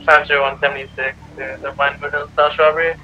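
A man playing a police officer, giving rapid, clipped turn-by-turn calls during a car chase over a walkie talkie. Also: on the high side, flat delivery, narrow, tinny audio, a little hiss or hum.

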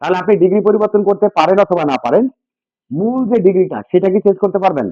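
A man's voice: high-pitched, expressive, rapid-fire, dry recording. Man teaching grammar, quizzing his class. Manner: repeats key points, quizzes students with questions. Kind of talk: classroom lesson with call-and-response. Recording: dull, dry lo-fi sound.

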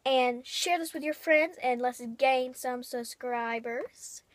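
A young woman giving an unplanned devotional talk on her vlog, rambling and halting in an earnest way. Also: high voice, a little hiss or hum. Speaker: vlogger.

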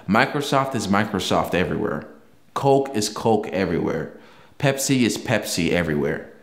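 A young man whose native language is Yoruba hosts a casual language-learning video, talking to camera and explaining with examples and frequent restarts. His voice is on the low side, with a roomy sound.

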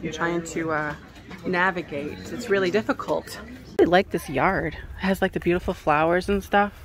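A chatty woman narrates as she browses a house sale, talking to the phone in her hand in a low-ish, easy voice. She exclaims often and thinks aloud about what things cost. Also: steady tone, normal speed, crowd noise. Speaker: vintage reseller vlogger. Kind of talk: casual walk-through narration. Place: indoors at a house estate sale.

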